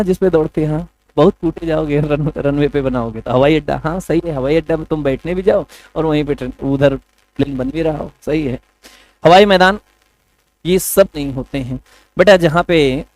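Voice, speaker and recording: A man's voice: a little high, a little mellow, no echo, low-quality recording. A man teaching an online exam coaching class, chatty and joking, talking to his students as kids and brothers. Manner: chatty, joking, addresses students as beta and bhaiya.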